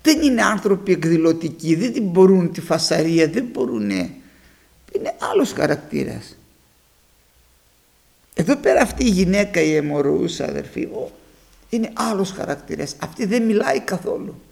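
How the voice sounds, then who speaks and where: Male preacher, high gravelly voice, lively swooping pitch, storytelling sermon. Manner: animated storytelling, acting out biblical voices.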